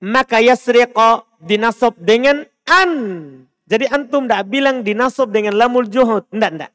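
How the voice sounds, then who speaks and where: Male religious teacher, Makassar Indonesian accent, very high smooth voice, quizzes his class and spells out examples slowly. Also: fairly bright tone. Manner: drills students with repeated questions, slows to spell out Arabic examples. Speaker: Islamic teacher. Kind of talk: Arabic grammar lesson in a mosque. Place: mosque.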